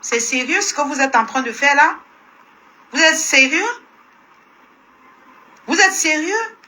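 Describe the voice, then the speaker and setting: High, sharp-voiced Cameroonian woman ranting. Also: moderate pace. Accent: Cameroonian French. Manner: combative, scolding, repeats herself. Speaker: live-stream host. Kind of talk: heated live-stream rant. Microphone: phone live stream.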